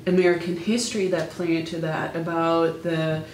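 A woman's voice: deep voice, level tone, normal speed, darkish tone. A woman academic posing a tentative question in a group discussion, rephrasing as she goes. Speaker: academic, Europeanist. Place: small indoor meeting room. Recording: echoey room, faint noise.

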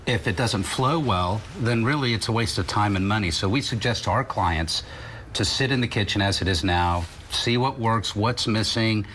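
Measured middle-aged male TV guest, low pitch, faint studio hiss. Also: fairly bright tone. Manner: measured, advisory. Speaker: guest, remodeling company co-owner. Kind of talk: TV interview answers. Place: TV studio set, in doors. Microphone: lapel mic.

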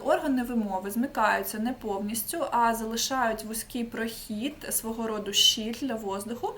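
A woman with a fairly high voice teaches an online pronunciation lesson. She is patient and explains step by step, slowing down to demonstrate each sound and often checking in with the learners. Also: a bit bright, slight background noise.

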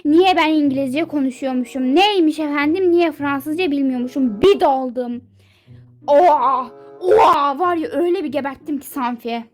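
A woman doing a shrill, bossy, hyper young model. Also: normal speed, soft background music, lightly acted. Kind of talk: game character role-play dub.

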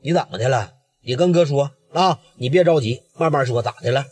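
A man's voice: fairly quick, slightly rough, long reverb tail, close to an everyday voice. A man playing a stern, protective Northeastern gang boss. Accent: Northeastern Mandarin. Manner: low and steady, turning fierce. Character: respected gang leader, adult male, protective, hot-tempered.

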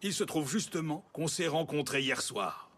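A man's voice: a little high, expressive, moderate pace, fairly bright tone, breathy edge. An actor playing a proud, vain, lovesick strongman in an anime dub, with pompous, mannered politeness. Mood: courtly, proud.

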